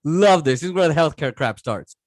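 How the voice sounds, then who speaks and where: A man's voice: on the high side, lively intonation, brisk, no room sound, clean studio sound. A man hosting a podcast, chatting casually and with amusement as he reacts to clips. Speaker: podcast host.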